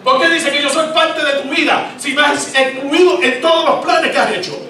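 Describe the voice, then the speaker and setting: A man's voice: extremely high pitch, moderate pace, bright, forceful tone, heavy reverb, recorded from a distance, pitched above the performer's own voice. A man preaching in the voice of God, asking reproachful, pleading questions.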